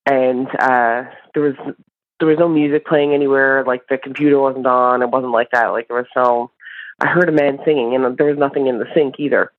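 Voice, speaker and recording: A woman's voice: extremely low pitch, steady tone, brisk, dry recording. A woman from Newfoundland calling in, informally telling a personal story. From Newfoundland, Canada. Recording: dull lo-fi recorded call.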